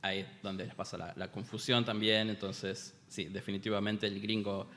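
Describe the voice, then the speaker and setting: A man who works as a Spanish tutor, a podcast guest talking about his classes in a relaxed, matter-of-fact way. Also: on the low side, normal speed. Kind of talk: casual podcast chat.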